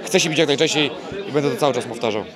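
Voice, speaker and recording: Right after a weigh-in, a young fighter talks at a racing pace in a medium-pitched voice, blunt, swearing, and repeating himself in a casual interview. He's at a busy indoor press wall, speaking into the interviewer's handheld mic over loud crowd chatter.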